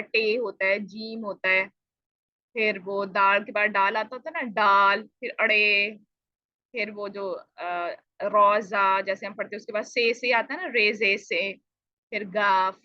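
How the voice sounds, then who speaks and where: A woman's voice: on the high side, no room sound, highs cut off. A woman teacher giving a Quran recitation lesson, explaining patiently and asking questions she answers herself. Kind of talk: online tajweed lesson.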